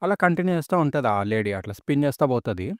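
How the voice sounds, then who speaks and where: A man's voice: medium pitch, very animated, fast, no echo. Guy casually retelling a manga plot, chatty storyteller, mid voice, dry close mic.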